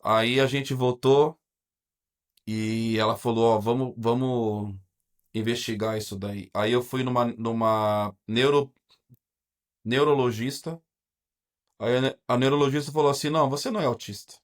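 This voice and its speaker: A man's voice: mid-range voice, steady tone. A Brazilian man with a Brazilian Portuguese accent, a guest in an interview, telling his own story in a candid, reflective way, hesitating and restarting often. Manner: halting, hesitant, frequent restarts and pauses. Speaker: podcast guest, teacher.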